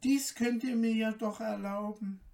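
A woman voicing a timid, gentle fairy-tale maiden who speaks softly and pleadingly, recorded from a distance. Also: fairly high pitch, fairly even intonation, measured pace, vocal fry.

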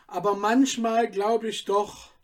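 Male reader doing a soft-spoken storybook boy, earnest, slow. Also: sits high, flat delivery. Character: poor boy, gentle and kind-hearted. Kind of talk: storybook reading.

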